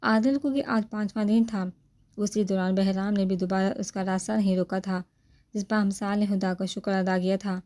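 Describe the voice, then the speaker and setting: A woman narrating a novel in a steady, even reading voice. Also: medium pitch.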